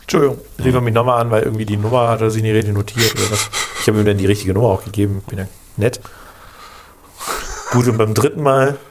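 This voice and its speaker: A man's voice: on the low side, fairly even intonation, fast, background noise. A man co-hosting a podcast, telling a story in casual chat, rambling with many fillers and restarts. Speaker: podcast co-host.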